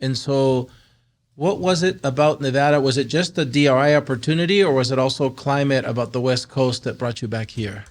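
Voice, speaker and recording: A man's voice: mid-range voice, brisk. Man, podcast host, chatty, rambling questions, fillers, studio, desk microphone. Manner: chatty, thinks aloud with fillers. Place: wood-panelled studio set. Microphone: desk mic on a stand.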